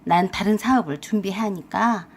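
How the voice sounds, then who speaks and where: A woman voicing a lazy, scheming husband who whines and pleads in a lowered voice. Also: moderate pace, close to an everyday voice. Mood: whiny. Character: lazy, scheming husband, grown man, whiny and sly.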